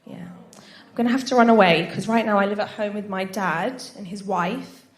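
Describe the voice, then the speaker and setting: A woman's voice: medium pitch, moderate pace. Giggly woman doing stand-up, echoey room. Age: 20s. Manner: giggles and snorts while laughing; chatty, addresses the audience with frequent tag questions. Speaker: stand-up comedian. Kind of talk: live stand-up comedy. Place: stage at a live comedy night. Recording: echoey live venue with background noise.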